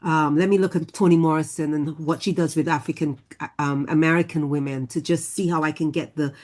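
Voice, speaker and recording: A woman with a notably deep speaking voice talks on a literary panel. She thinks aloud, circling back and restarting her sentences as she reaches for ideas. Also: steady tone, darkish tone. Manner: thoughtful, halting, many restarts. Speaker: poet on a panel. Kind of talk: panel discussion.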